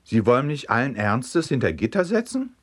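A sly, grinning tramp answering with cheeky evasions as a man puts him on. The voice jumps from low to high, lively and playful, in a spoken storybook anecdote. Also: moderate pace, husky. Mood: protesting.

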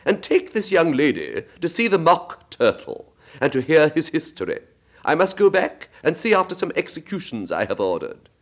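A man voicing a furious, tyrannical queen who shouts her orders in a shrill voice. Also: wildly swooping pitch, normal speed, exaggerated voice. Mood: imperious.

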